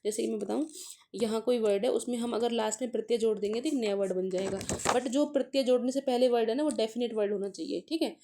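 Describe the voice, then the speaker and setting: A woman with a fairly high voice teaches a casual grammar lesson for exam preparation against a noisy background. She works through paper questions, sounds out letters and words slowly to explain them, and mixes English words into her explanations.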